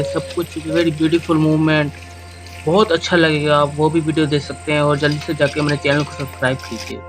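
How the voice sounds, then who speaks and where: Male vlogger, slightly high and flat in pitch, casual channel plug with prominent music.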